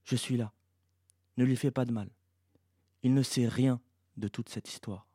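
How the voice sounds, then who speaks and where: A man's voice: mid-range voice, normal speed, dark tone, dry recording, clean studio sound, natural voice. A man voicing a secretive, commanding mother who gives firm, clipped orders. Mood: soothing.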